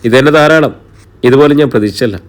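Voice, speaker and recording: Man voicing a soft-spoken young woman, tender, audio story, mid pitch. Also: fast, natural voice. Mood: fond. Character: gentle, emotional young woman, elder sister.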